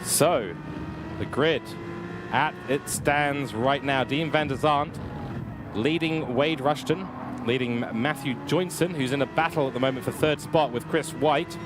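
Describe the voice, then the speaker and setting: A young man giving live commentary on a simulated car race, energetic and building excitement, his voice getting worn. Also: a little high, unhurried, background noise. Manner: energetic, rising with excitement at incidents. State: losing his voice. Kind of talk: live sim racing commentary.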